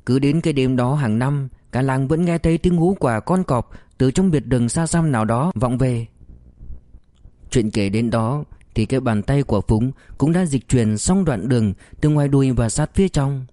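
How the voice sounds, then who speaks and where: Mellow male audiobook narrator. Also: medium pitch, no echo, studio quality. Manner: measured, expressive storytelling.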